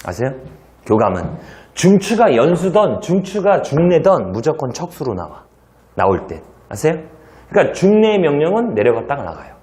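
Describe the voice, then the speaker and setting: Male lecturer, slightly high voice, wildly animated pitch; storytelling with sound effects, asides to students. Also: normal speed. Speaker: teacher. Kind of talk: lively classroom lecture. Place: lecture hall.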